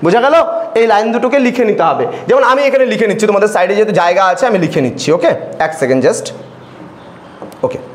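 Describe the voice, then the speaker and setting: A man's voice: sits high, animated, fast talker, roomy sound, a little hiss or hum. A male tutor teaching a classroom lesson, patient, asking his students questions and repeating points.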